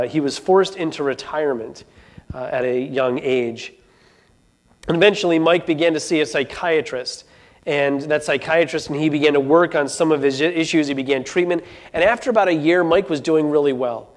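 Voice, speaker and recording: Earnest man telling a story, higher voice. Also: normal speed. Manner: earnest, frequent restarts and repeated words. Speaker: speaker. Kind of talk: storytelling talk.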